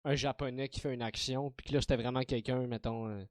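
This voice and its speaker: A man's voice: mid-range voice, fairly even intonation, a little fast. A man with a Québécois French accent co-hosting an interview, asking probing questions with hesitations. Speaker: podcast co-host. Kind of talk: casual interview chat.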